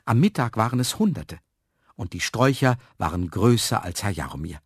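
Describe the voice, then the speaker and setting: A man reading a children's story aloud, expressive and lively. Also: on the low side, normal speed, slightly rough, no room sound, clean studio sound.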